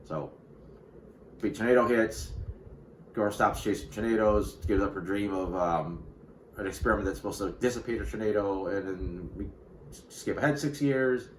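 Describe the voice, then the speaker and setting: A man's voice: lowish voice, moderate pace. Rambling man reviewing a movie casually. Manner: rambling, filler-heavy, frequent restarts and "you know". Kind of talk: casual spoken film review. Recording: roomy with faint background hiss.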